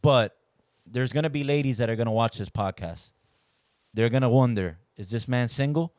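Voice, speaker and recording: A man's voice: mid-range voice, moderate pace, darkish tone, no echo, studio quality. A man hosting a casual podcast interview, teasing his guest in a playful way. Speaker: podcast host.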